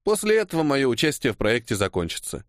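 A man reading a first-person novel aloud as audiobook narration, in an expressive manner. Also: medium pitch, quick pace, no room sound, clean studio sound.

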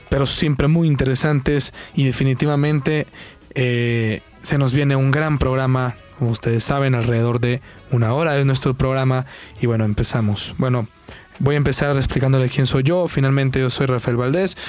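A man's voice: medium pitch, fairly even intonation, moderate pace, darkish tone, soft background music. A nineteen-year-old man from El Salvador with a Salvadoran accent, hosting a sports talk show on his own and talking casually with plenty of fillers and restarts. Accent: Salvadoran Spanish.

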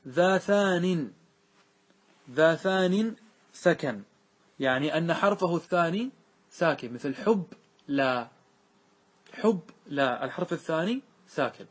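Animated and husky, a man's fairly high voice moves at normal speed with long pauses as he explains a grammar poem in an Arabic class. He goes over examples patiently and makes sure his students follow.

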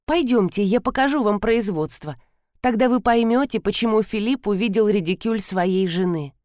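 A woman's voice: mid-range voice, a little mellow, no echo, studio quality, lightly acted. A woman reading an audiobook, voicing a strict, composed female workshop owner. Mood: calm. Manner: stern, measured.

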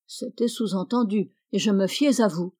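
A woman's voice: mid-range voice, moderate pace, dark tone, lightly acted. A woman reading the part of a playful, teasing young man in an audiobook. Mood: reproachful. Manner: playful and coaxing.

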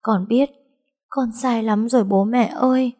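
A woman's voice: fairly high pitch, fairly even intonation, unhurried, mellow, pitched above the performer's own voice, natural voice. Woman doing a sobbing young woman. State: crying. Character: young woman weeping to her parents.

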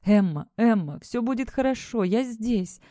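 A woman's voice: fairly high pitch, animated, measured pace, dark tone, dry recording, clean studio sound, pitched above the performer's own voice. A woman voicing a frightened but defiant young heroine who speaks in a trembling, tearful voice. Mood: soothing.

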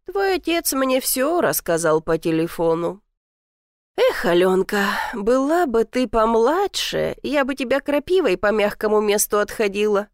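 A woman's voice: a little high, sing-song, a little slow, no echo, clean studio sound. A woman voicing a teasing, doting old village grandmother who talks in a folksy, sly way.

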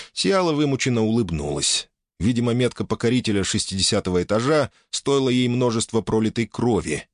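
Male audiobook narrator, low and animated, dry close mic. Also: no echo. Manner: expressive storytelling.

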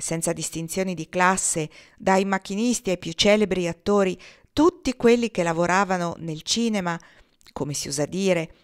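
A woman reading a novel aloud, measured and expressive. Her voice sits on the low side for a woman. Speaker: reader.

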